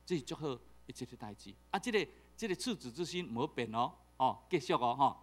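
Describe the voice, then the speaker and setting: A man's voice: medium pitch, fairly quick. A middle-aged man with a Taiwanese accent preaching a sermon, joking and telling stories with many repeated fillers. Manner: jokey, animated storytelling with repeated fillers. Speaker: pastor.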